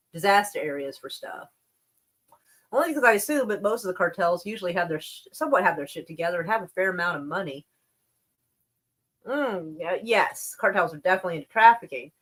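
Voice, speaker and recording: A woman's voice: on the low side, a bit bright. A woman chatting casually on a live stream about the news, rambling and wry, with plenty of swearing. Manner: profane, laid-back, wry.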